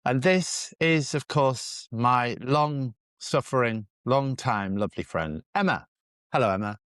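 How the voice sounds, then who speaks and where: A man's voice: medium pitch, slow pace, fairly bright tone, no echo, clean studio sound. A man with a Geordie accent hosting a podcast, chatting playfully and teasing his co-host. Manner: playful, teasing, mock-old-fashioned wording. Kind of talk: casual chat.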